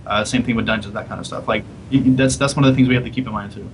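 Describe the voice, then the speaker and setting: A man's voice: fairly low pitch, fairly even intonation, a little hiss or hum, low-quality recording. A man, a game developer, explaining his design thinking in a casual podcast panel chat. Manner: quick, explanatory, casual slang.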